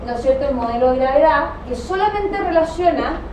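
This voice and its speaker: A woman's voice: high-pitched, lively intonation, fairly quick. A woman lecturer teaching a class in a didactic way, often checking that students follow with short tag questions. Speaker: economics lecturer. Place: classroom, recorded from a distance. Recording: echoey room, distant mic, noisy background.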